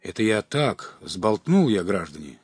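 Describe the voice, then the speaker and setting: Brief: flustered simple villager voiced by a man, husky, animated. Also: on the low side, a little slow, no room sound, studio quality, heavily acted. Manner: bewildered, pleading, rustic talk. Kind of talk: audiobook character voice.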